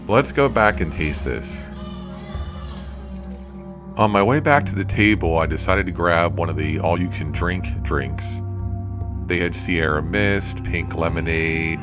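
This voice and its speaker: A man narrating a food review vlog as a voice-over in a plain-spoken, itemizing way. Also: low voice. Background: music.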